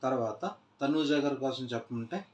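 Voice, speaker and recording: A man's voice: mid-range voice, moderate pace, dull audio. Man recapping a show in an echoey room. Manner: retells scenes loosely with frequent "aa" fillers and restarts. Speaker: TV show reviewer. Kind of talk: casual spoken episode recap.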